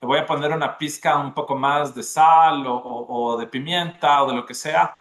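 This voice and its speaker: A man's voice: a little high, fairly even intonation, normal speed, a bit bright. A man, a gastronomy school dean, explaining at length in a podcast interview and often checking in with the listener. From Ecuador. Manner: explanatory, often tags "¿no es cierto?".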